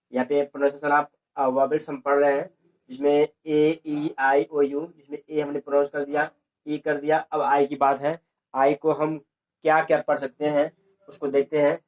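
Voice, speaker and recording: A man teaches English pronunciation, pitched a little high. He keeps repeating his points and answers his own questions. The recording sounds dull and lo-fi. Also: little pitch movement, measured pace.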